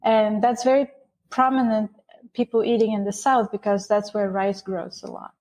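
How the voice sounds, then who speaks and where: A woman from Bulgaria, a guest author, explaining ideas in an interview with lively, restarting phrasing. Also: medium pitch, normal speed. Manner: explanatory, animated, with frequent restarts. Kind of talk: interview conversation.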